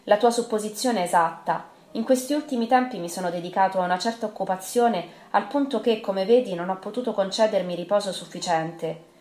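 A woman's voice: mid-range voice, fairly quick, darkish tone, close to an everyday voice. A woman reading as a haunted young scientist. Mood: weary. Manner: tense, then frantic cries. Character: haunted young male scientist, feverish and frightened. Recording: roomy with faint music.

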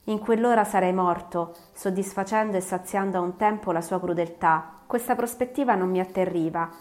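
A woman narrating an audiobook in a measured, dramatic storytelling manner. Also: fairly low pitch, a little mellow. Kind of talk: scripted narration.

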